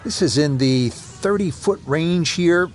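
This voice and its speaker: A man giving golf commentary as the lead announcer, calling each shot in a measured, understated way. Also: a little high. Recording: music and crowd behind the voice. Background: music and crowd sound.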